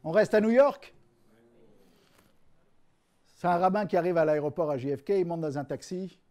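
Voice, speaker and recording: A man's voice: high-pitched, normal speed, mellow. A man telling jokes on stage in a stand-up show, with hesitant fillers and restarts. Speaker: comedian.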